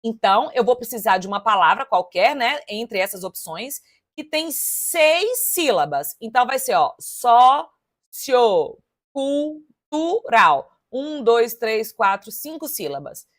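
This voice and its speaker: A woman teaching for an exam, working through test questions aloud in a lively, chatty way and speaking straight to her students. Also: on the high side, moderate pace. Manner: lively and chatty, addressing students directly, counting syllables aloud. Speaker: Portuguese teacher.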